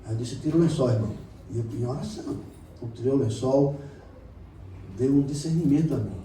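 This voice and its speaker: A man, a pastor preaching with passion, moving from quiet storytelling to loud exclamations. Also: medium pitch, fairly quick, a little hiss or hum. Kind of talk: sermon. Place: church meeting room. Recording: roomy hall recorded from a distance.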